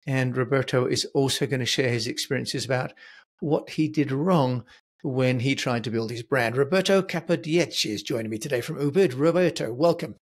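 A man in his sixties hosts a podcast interview over a video call from his home office, using a headset and boom mic. His voice is mid-range and husky at a normal pace. He's friendly and stretches key words for emphasis.

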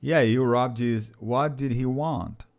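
A man's voice: mid-range voice, takes it slowly, slight background noise. A man teaching an English lesson, patiently repeating and translating phrases. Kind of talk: explanatory language lesson.

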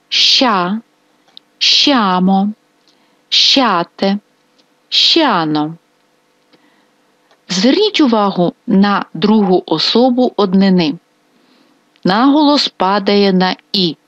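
A woman teaching a video grammar lesson, slowly and carefully drilling verb forms one by one. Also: medium pitch, lively intonation, fairly bright tone, no room sound, lo-fi sound. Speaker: Italian language teacher.

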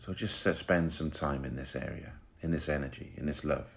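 In a rumbling, low, gravelly voice, a man guides a meditation, speaking soothingly and without hurry and pausing between short phrases.

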